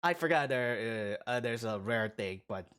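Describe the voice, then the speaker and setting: A man streaming his game rolls in casual commentary, halting and rambling between excited bursts, with a morning voice. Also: medium pitch. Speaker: gaming streamer. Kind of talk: casual gacha-roll commentary.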